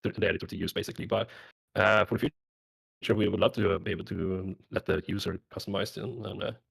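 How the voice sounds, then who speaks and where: A man's voice: deep voice, steady tone, fast talker, creaky, a bit bright, breathy edge. A man answering questions on a developer stream in hesitant casual speech, his voice breaking into a robotic metallic glitch from a faulty call mic. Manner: hesitant, many fillers and restarts. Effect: robotic, glitchy metallic mic distortion. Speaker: game developer on a livestream.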